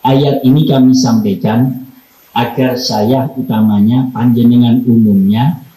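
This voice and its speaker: Javanese-accented guy preaching, slow and patient, reciting arabic verses, roomy echo. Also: medium pitch, fairly even intonation, dark tone. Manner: slow and explanatory, quotes Arabic verses and acts out everyday examples. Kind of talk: religious study talk. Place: room at a company religious gathering. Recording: echoey room.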